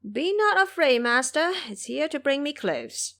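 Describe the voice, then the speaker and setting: An excitable monkey hero, played by a woman for an audio drama. The voice leaps high and swings widely in pitch, brash and eager, exclaiming like a devoted disciple. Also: measured pace, heavily acted. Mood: gleeful.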